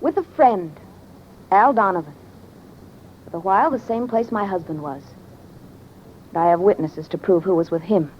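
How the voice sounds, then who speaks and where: Through a dull, noisy vintage radio recording, a woman with a lowish, natural voice plays an icy, haughty widow of means who is quick to anger. Her delivery in the 1940s-50s radio drama manner is imperious and cutting, with lively intonation, normal speed and long pauses.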